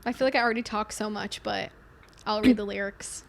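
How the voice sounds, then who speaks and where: A woman's voice: mid-range voice, a little fast, gravelly. A young woman co-hosting a podcast in casual, chatty talk full of fillers. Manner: chatty, filler-heavy, lively. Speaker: podcast co-host. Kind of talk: casual chat.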